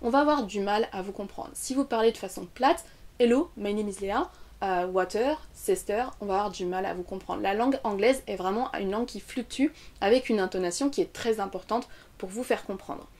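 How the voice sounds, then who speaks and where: In an online lesson, a young French woman teaches English pronunciation, explaining things clearly and saying example words slowly. Her voice sits in the mid-range and is a little mellow.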